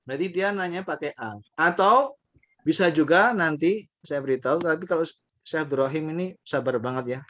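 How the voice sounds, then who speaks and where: Male language teacher, slightly high voice, patient drill leader, casual online class. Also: a bit bright. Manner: patient, repeats phrases slowly for learners to copy.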